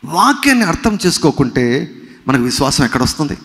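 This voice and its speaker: Pastor, man, emphatic sermon with big swings in pitch, slightly raised voice, long reverb of a church hall. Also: sing-song, fairly quick. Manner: emphatic preaching, swinging from soft to loud; mixes in English phrases.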